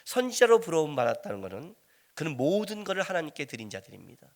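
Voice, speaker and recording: Animated Korean pastor, high lively voice. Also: male voice, fast talker. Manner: animated, conversational preaching with rhetorical questions to the congregation. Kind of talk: sermon.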